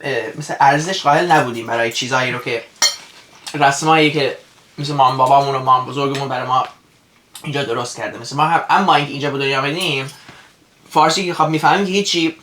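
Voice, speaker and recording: A man's voice: mid-range voice, fairly even intonation, pushed and bright, roomy sound, a little hiss or hum. A young man co-hosting a casual mukbang food vlog, speaking Persian with an English accent and teasing his brother while mixing in English.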